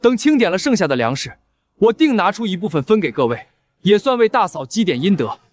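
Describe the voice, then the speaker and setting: A man's voice: high-pitched, big pitch swings, a little fast. An actor playing a bitter, scheming young scholar who failed his exams, with a resentful, sneering way of speaking. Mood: falsely mournful.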